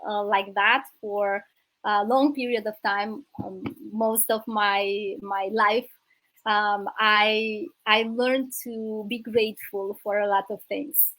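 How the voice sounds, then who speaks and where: A woman's voice: mid-range voice, no echo, rough recording. Romanian woman telling her story, fillers. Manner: warm, grateful, hesitant with fillers. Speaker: guest, business coach. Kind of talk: casual interview storytelling.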